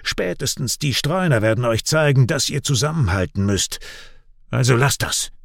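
A man voicing a steady peacemaker who speaks in a soothing, firm way. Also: medium pitch, normal speed, vocal fry, dry recording, clean studio sound. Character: steady older man, peacemaker between brothers. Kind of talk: audiobook character voice.

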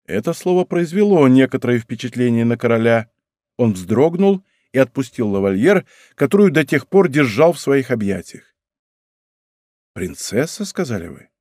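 Measured male audiobook narrator. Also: mid-range voice, very animated, a little mellow, no room sound, clean studio sound. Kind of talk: scripted literary narration. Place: recording studio. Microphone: close studio microphone.

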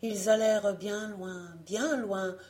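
A woman reading a fairy tale aloud as an audiobook narrator, in a measured storytelling manner. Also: mid-range voice, steady tone, darkish tone. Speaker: audiobook reader.

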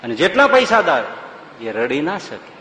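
A man's voice: fairly high pitch, very animated, moderate pace, sharp tone, slight background noise. A man giving a devotional discourse, telling stories animatedly and breaking into sung verses. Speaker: spiritual discourse speaker. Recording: echoey hall with faint ambience.

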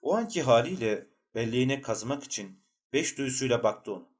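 A man reads a literary novel aloud in a steady audiobook narration. His voice sits at an ordinary middle pitch for a man, and his delivery stays measured and even.

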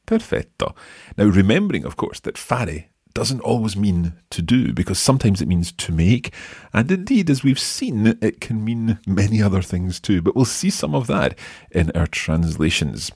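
Deep-voiced man teaching Italian. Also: very animated, moderate pace, darkish tone, no room sound, clean studio sound. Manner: clear, patient explaining. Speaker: language teacher, host. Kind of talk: language lesson podcast.

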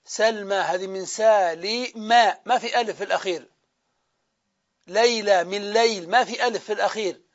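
A man with a high voice teaching a grammar lesson, working through each point by asking a question and answering it himself. He stretches out the example words as he repeats them. The recording is dull and lo-fi. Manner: explains step by step, asks and answers his own questions; drawn-out repetition of example words. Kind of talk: classroom grammar lecture.

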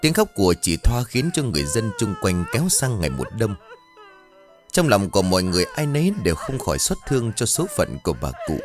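Low-voiced man narrating a ghost story.

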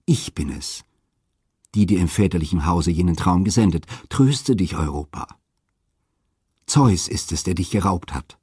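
A man voicing a calm smiling goddess. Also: low-pitched, husky, no room sound, studio quality, full character voice. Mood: soothing. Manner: soothing, measured. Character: serene smiling goddess of love.

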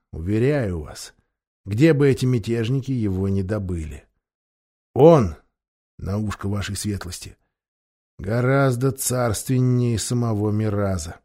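A man's voice: mid-range voice, dark tone. Man doing a wary, deferential nobleman. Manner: measured, deferential.

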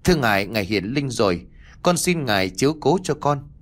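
A man's voice: medium pitch, big pitch swings, fairly quick, close to an everyday voice. A man voicing a frightened young man who pleads humbly and stammers. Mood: pleading.

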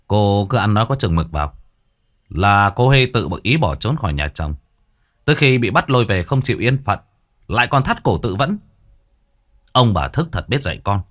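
A man's voice: fairly low pitch, a bit bright. A man voicing a cold, contemptuous retainer of a powerful household, speaking without sympathy. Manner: cold, scolding.

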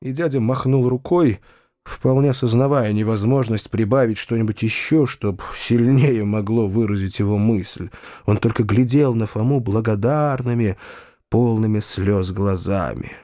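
A man narrating a classic novel as an audiobook in a theatrical, expressive way. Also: lowish voice, a little slow, no room sound, studio quality. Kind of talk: dramatic literary reading.

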